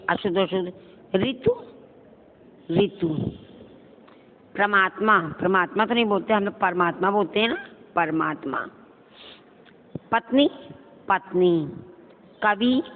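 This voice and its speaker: A woman's voice: medium pitch, a little fast. A woman teacher giving a grammar lesson, reading out words in wrong and right forms and checking whether the students follow. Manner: drills word pairs, wrong then right, with questions to students. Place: school classroom. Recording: tinny phone-like sound with long hall reverb.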